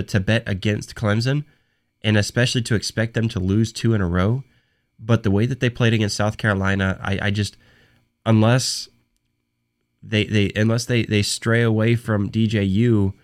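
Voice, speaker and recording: Here a young man hosts his own sports podcast solo, his fairly low voice roughened by a cold and slipping away. He improvises in stop-start bursts, often beginning phrases over and saying words twice.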